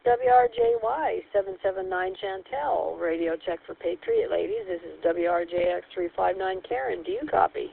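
This net control host sounds fairly low-pitched and very animated, with a gravelly tone, normal speed and few pauses. She cheerfully and formally works through call signs during on-air radio check-ins. It comes through a two-way walkie-talkie on a tinny, narrow channel with a faint hiss.

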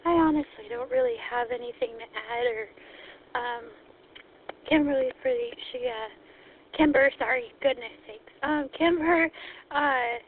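A woman with a high voice checks in over a walkie-talkie, friendly and polite with small hesitations. The sound is tinny and narrow, with a faint hiss underneath. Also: a little slow. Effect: heard over a two-way walkie-talkie radio. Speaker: radio net participant.

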